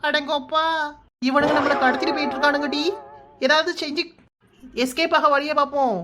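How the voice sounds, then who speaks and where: A woman with a high, level voice speaks fairly quickly, sounding close to her everyday self, with background noise behind her. She plays a brash young bride-to-be in a cartoon, using a Kanyakumari Tamil accent as she scolds, hurls insults and wails for help in a panic.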